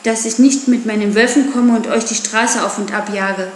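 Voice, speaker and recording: A woman's voice: fairly high pitch, measured pace, darkish tone, roomy sound, slight background noise, close to an everyday voice. A woman voicing a defiant wild boy raised by wolves, scornful and taunting. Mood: mocking.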